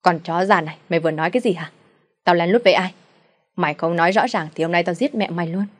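A raging drunk father , voiced by a woman storyteller, barks loud insults at his wife and daughter. The voice sits a little low and pushes hard and fast. His temper stays hot and menacing throughout. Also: close to an everyday voice. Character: drunken abusive middle-aged father, raging.

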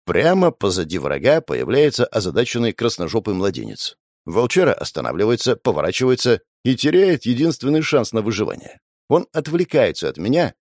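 A man's voice: mid-range voice, no room sound, studio quality. A man narrating a first-person fantasy audiobook in a sardonic, crude, wry way.

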